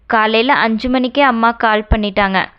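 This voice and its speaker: A woman's voice: a little high, fairly even intonation, normal speed, clean tone, no room sound, close to an everyday voice. Story reading: a woman voicing an emotional young wife, plaintive, on a dull lo-fi track. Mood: upset. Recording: dull lo-fi recording.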